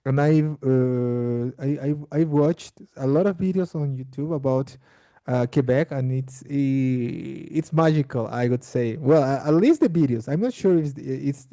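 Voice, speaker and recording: A Bolivian man whose first language is Spanish speaks haltingly in a very dark, mid-range voice, repeating words as he searches for them. He's a language exchange participant doing casual conversation practice, recorded with no echo.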